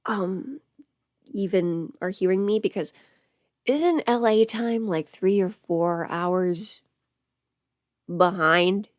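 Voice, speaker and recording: A woman's voice: mid-range voice, slow pace, long pauses, no echo, clean studio sound. A woman who is sick, chatting casually on a livestream as host, thinking aloud and interrupting herself. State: sick at home with covid. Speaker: livestream host, audio creator. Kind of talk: casual rambling livestream chat. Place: at home.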